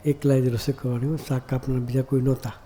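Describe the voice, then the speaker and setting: A man delivers a devotional sermon in a deep, mellow voice. His pitch stays steady and level, and he keeps turning to the audience with rhetorical questions. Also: fast, slight background noise. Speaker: monk preacher. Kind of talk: devotional discourse.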